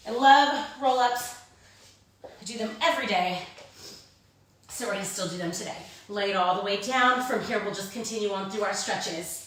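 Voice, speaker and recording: A woman's voice: mid-range voice, fairly bright tone. Very echoey room, distant mic, woman, Pilates instructor, cueing and counting, encouraging, informal. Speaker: Pilates instructor leading a class. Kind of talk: live fitness class instruction, cueing and counting.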